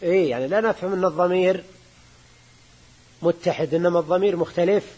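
A man teaching an Arabic grammar class as sheikh, explaining the text patiently, repeating key words slowly and checking on his students with short questions. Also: high-pitched, dark tone, breathy edge.

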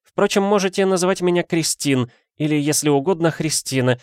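A man voicing a haughty, sharp-tongued young married lady in an audiobook, with a scornful, imperious manner. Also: on the high side, fairly quick, clear, resonant tone, dry recording, studio quality, pitched above the performer's own voice, natural voice. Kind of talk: audiobook character voice.

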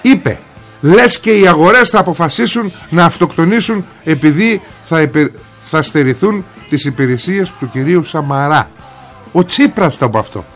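A man's voice: on the high side, animated, fairly bright tone, faint music behind. A man hosting ranting political commentary, sarcastic and mocking, firing rhetorical questions at his listeners.

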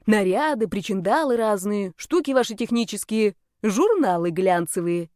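A woman's voice: medium pitch, lively intonation, normal speed, darkish tone, dry recording, close to an everyday voice. Brash teasing young male naga student, read by a woman, dry close audiobook sound.

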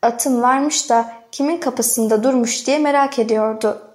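Woman narrating a folk novel, measured. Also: on the high side, darkish tone. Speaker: audiobook narrator. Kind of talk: scripted literary narration.

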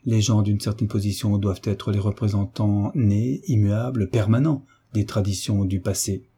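A man's voice: fairly low pitch, fairly even intonation, dark tone, breathy edge. A man reading a sly mocking hunchbacked marquis. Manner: teasing, ironic, drawn-out courtesy. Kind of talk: audiobook character reading.

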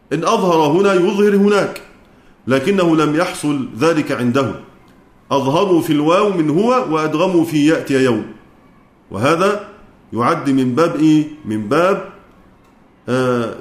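A man's voice: fairly high pitch, echoey room. A man with an Egyptian Arabic accent lecturing on Quran recitation, explaining step by step and asking his students questions he then answers himself. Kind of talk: teaching a lesson.

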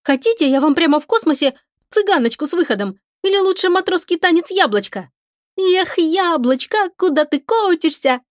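A woman's voice: very high-pitched, animated, fast, no echo, studio quality, pitched above the performer's own voice. A woman voicing a bubbly, eager young female sailor on a starship, with a playful, sing-song delivery. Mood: elated.

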